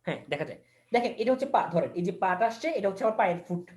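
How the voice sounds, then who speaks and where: Animated, fast-talking woman lecturer. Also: medium pitch. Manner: mixes English terms into speech, repeats key words, quizzes listeners. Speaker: anatomy lecturer. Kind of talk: online anatomy class.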